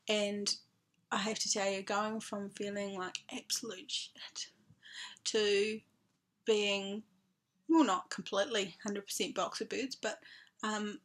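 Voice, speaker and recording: A woman talking casually in a video diary, halting and often pausing mid-sentence. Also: medium pitch, fairly bright tone. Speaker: vlogger.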